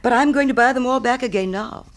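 A man's voice: extremely high pitch, fast talker, a bit bright, voice pushed up. A man voicing a naive, humble little man in a storybook tale, earnest and eager to please his friend. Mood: hopeful. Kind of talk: storybook character reading.

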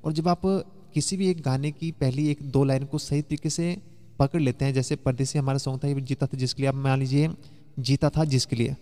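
A man's voice: medium pitch, steady tone, brisk, mellow, long reverb tail. A man teaching a keyboard lesson in a chatty way, explaining step by step and sometimes humming song lines. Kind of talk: casual spoken music lesson. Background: faint keyboard music.

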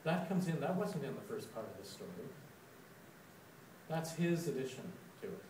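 A man giving a sermon reflection, telling a story slowly and deliberately. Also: medium pitch, very animated, background noise. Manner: slow, deliberate storytelling, with dramatic quoted outbursts. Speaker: preacher. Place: church sanctuary. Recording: echoey church, recorded from a distance.

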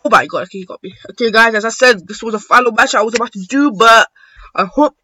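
A young man giving casual gameplay commentary, muttering to himself and bursting into excited shouts. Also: very high voice, quick pace, a little hiss or hum, rough recording. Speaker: gaming YouTuber.

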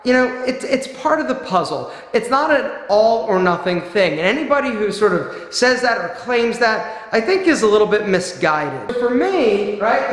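A man in his forties talks animatedly in a fitness vlog, his voice on the high side. He presses his points with emphasis. The recording is roomy, with a long reverb off the bare walls of a small room. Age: 40s. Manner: animated, emphatic, gesturing broadly. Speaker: fitness vlogger. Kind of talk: home gym tour vlog. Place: small home gym room, indoors.

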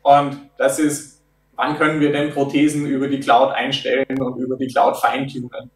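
A man in his thirties, a product developer, explains things in an interview in a measured way, often pausing on filler sounds. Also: mid-range voice, little pitch movement. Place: office meeting room. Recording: roomy and distant.

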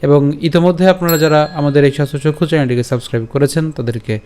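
A man teaching Sanskrit verse pronunciation in an online lesson, breaking words into syllables and chanting the lines slowly. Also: on the high side, darkish tone, slight background noise.

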